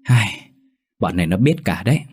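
Village dad, calm and reasoning, low voice, narrator doing him. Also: male voice, normal speed, breathy edge. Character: middle-aged village father, easygoing drinker.

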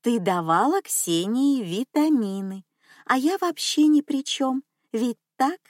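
A woman reading an audiobook as a narrator, in a slow and even delivery. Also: sits high, no room sound, studio quality. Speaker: audiobook reader. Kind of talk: scripted narration.

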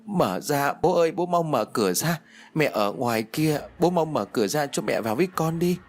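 A man's voice: a little high, expressive, moderate pace, soft background music, voice pushed up. A man voicing a small girl who pleads tearfully for her mother in an audiobook. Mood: pleading. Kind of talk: audiobook character voice.

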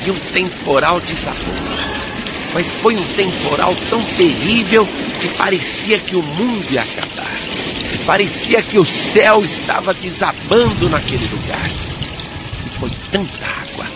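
A man telling a children's story with dramatic, expressive delivery. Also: fairly high pitch, a little slow. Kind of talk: storytelling narration. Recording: loud music and rain behind.

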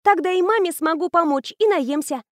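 A woman voicing a sly teenage girl who feigns sweet innocence, speaking in a high, wheedling, falsely timid way. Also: normal speed, no room sound, clean studio sound. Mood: gushing.

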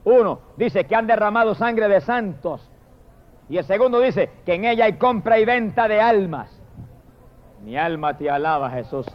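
A man with a Puerto Rican accent preaching a fiery sermon, shouting long hallelujahs and then dropping to murmured prayers. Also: high-pitched, normal speed. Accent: Puerto Rican Spanish. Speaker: evangelist preacher. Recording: dull lo-fi sermon recording.

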